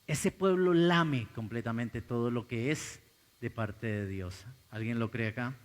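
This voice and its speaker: A man with a Colombian accent preaching a sermon as pastor, swinging between loud exclamations and low intense asides. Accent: Colombian Spanish. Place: large church hall. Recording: live church recording with long hall reverb.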